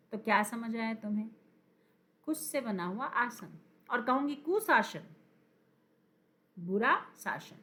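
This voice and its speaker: Woman teacher going real slow over grammar, bright voice, keeps asking the class stuff. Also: fairly high pitch. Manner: slow, emphatic, repeats key words, quizzes the viewers. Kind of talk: exam-prep grammar lesson. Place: teaching at a screen.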